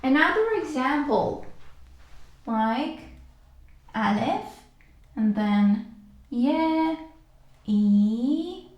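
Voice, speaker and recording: A woman teaching a language lesson, slowly repeating each word and letter for practice. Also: high-pitched, animated, echoey room, lo-fi sound. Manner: patient, repeats words for practice. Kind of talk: slow step-by-step alphabet lesson.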